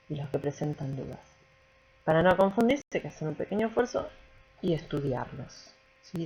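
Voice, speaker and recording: A woman's voice: low-pitched, creaky, a little mellow, slight background noise, low-quality recording. A woman teacher giving a recorded grammar lesson, explaining patiently step by step and often checking in with the class.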